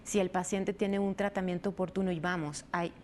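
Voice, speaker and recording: A woman rheumatologist, explaining a disease in measured interview answers with frequent fillers. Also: lowish voice, fairly even intonation, a little mellow. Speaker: rheumatologist guest. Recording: faint background noise.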